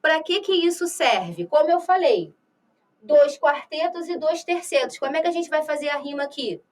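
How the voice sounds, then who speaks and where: Recorded from a distance, a Brazilian literature teacher with a high-pitched, expressive voice and Rio de Janeiro accent explains poetry in an exam-prep lesson. She keeps checking in with "né?" and "tá?", asks rhetorical questions, and draws out verses slowly as she reads.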